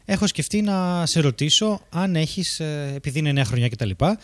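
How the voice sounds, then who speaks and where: Ζωηρός Έλληνας άντρας σε podcast. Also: male voice, fairly high pitch, no echo, studio quality. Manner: animated, playful, drops English phrases. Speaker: podcast co-host. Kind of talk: casual chat.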